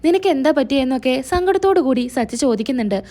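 A woman's voice: sits high, expressive, fast, warm tone. A woman retelling a TV serial episode, narrating the scenes and speaking each character's lines in her own voice.

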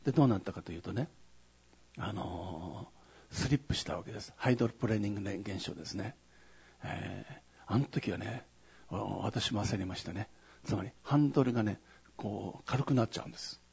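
A male pastor preaches in a church, chatting through his sermon with frequent asides and then pressing points home loudly. His voice is husky and gravelly, with a creaky edge. The recording is dull and lo-fi. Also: fairly low pitch, fairly quick. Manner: conversational preaching, frequent 'ne' tags, rising to loud emphasis.

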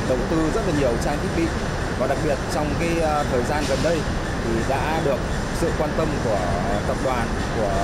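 Workshop head soundbite: male, halting speech with many fillers, loud traffic behind, recorded outdoors. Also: mid-range voice. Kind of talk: news interview soundbite.

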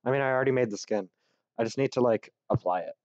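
A young man streaming a game, joking in quick banter with friends. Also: medium pitch, a little mellow, no room sound. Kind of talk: casual gaming chat. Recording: slightly muffled voice chat with faint music.

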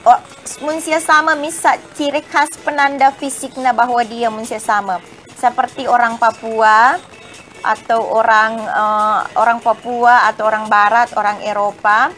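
A woman's voice: fairly high pitch, fairly bright tone. A woman hosting a casual live-stream chat, greeting viewers by name between frequent hesitant fillers. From Bajau community of Indonesia.

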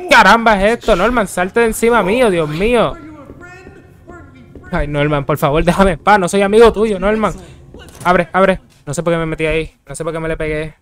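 A man hosting his gaming channel, commentating a horror game as he plays, chatting to his viewers and yelping and shouting at the scares. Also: high voice, moderate pace. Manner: excitable, yelps and shouts at scares, chats to viewers. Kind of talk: Let's Play commentary.

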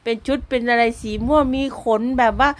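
A woman with an Isan Thai accent, a stay-at-home mother narrating her vlog as a casual voice-over, chatty and quick to laugh, often speaking straight to the viewers. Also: fairly high pitch, fairly even intonation. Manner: chatty, keeps addressing viewers directly; laughs easily between remarks.

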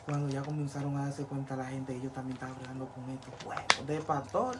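In a casual storytelling interview with a noisy background, a Dominican man who went from pastor to vodou priest speaks quickly at a medium pitch. He stays animated throughout, mimicking other people's voices while recounting his story.

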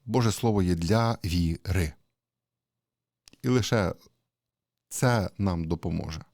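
A man giving a conversational sermon, asking rhetorical questions and pausing with hesitations. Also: sits low, gravelly, a little mellow, no room sound, clean studio sound. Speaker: priest.

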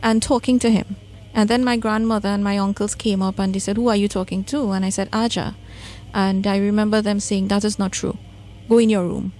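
On poor-quality audio, a woman with a Trinidadian accent speaks as a guest in a radio studio interview, captured on a studio microphone. A spiritual medium, she shares personal stories in a mid-range, slightly mellow voice that is flat in delivery, fairly quick, and has few pauses.

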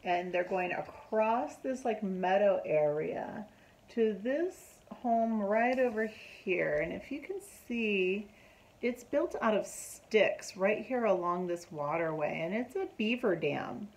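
A middle-aged woman teacher reading a picture book aloud for her class. Her voice rises and falls a lot as she stops to ask the children questions. She keeps an easy, middle-pitched tone. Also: slow pace. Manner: lively, asks children questions.

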